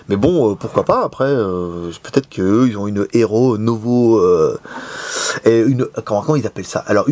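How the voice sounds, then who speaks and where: A man from Lyon with a put-on southern French accent, hosting a casual tech review in a chatty, joking way from an office. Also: mid-range voice. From Lyon, France. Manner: jokey, chatty, many fillers. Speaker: tech reviewer, show host. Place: office in Shenzhen.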